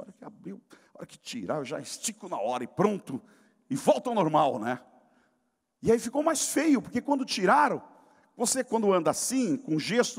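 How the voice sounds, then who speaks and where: High-voiced preacher in a reverberant church. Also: male voice. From Brazil. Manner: storytelling, swelling into shouted exhortation. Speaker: pastor. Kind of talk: sermon. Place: church sanctuary.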